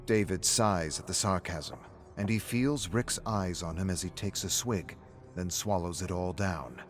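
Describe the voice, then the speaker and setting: A man reading a story aloud on a live stream in a steady, subdued narrating voice. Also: sits low, measured pace, soft background music.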